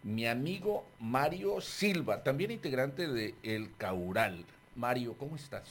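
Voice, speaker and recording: A man hosting a radio show in a studio, chatting casually and reading ads in a loud, drawn-out way. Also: medium pitch, lively intonation, a little hiss or hum. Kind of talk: casual radio talk with live ad reads.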